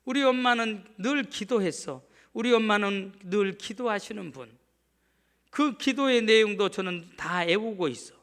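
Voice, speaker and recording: A man's voice: sits high, measured pace, fairly bright tone, smooth. A middle-aged male pastor preaching a sermon emphatically, often asking the congregation to answer back. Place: church sanctuary.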